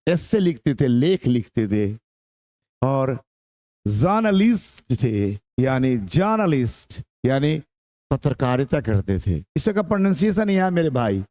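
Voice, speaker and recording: Man, Bihari Hindi accent, English teacher, lively up-and-down voice, repeats words, checks understanding. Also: medium pitch, slow. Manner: repeats words to drill pronunciation; mixes in English terms, asks students if they understood. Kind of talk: classroom-style lecture.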